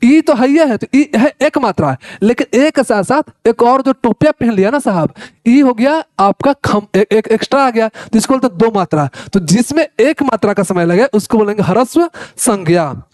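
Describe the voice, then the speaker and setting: A man's voice: very high voice, expressive, moderate pace, a little mellow, no room sound, studio quality. A man teaching Sanskrit grammar to Ayurveda students in a casual, chatty lecture, repeating his words and often checking in with his listeners. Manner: chatty, keeps asking "है ना" and addressing listeners as "भाई साहब"; repeats words while explaining.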